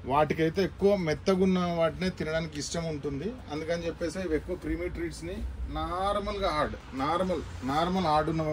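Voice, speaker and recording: A man's voice: on the high side, darkish tone. Chatty Telugu-accented young man. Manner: chatty, explanatory, mixes English words into Telugu. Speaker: pet shop guide. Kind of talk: casual shop tour for viewers. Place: pet shop. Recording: faint background noise.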